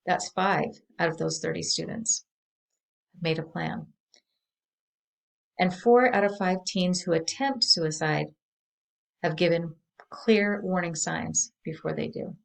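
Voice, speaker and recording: A woman presenting a training workshop in an earnest, measured way, speaking steadily to her audience. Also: fairly low pitch, vocal fry, rough recording. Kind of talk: prepared training talk.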